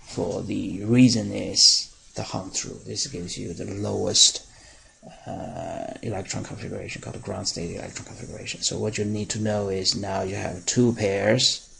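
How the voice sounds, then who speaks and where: A man teaching chemistry in a recorded lecture, explaining step by step with pauses and fillers and stressing key words. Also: lowish voice, steady tone, a bit bright, a little hiss or hum, low-quality recording. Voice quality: very gravelly and raspy.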